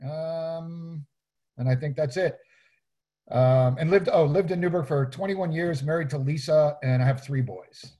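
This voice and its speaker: A man who is mayor, leading casual meeting introductions, relaxed and hesitant with many fillers. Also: on the high side, measured pace. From Hawaii.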